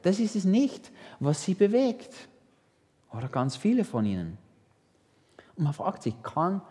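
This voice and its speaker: Man, preacher, sermon, lively pitch, rhetorical questions, reverberant church hall. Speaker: pastor.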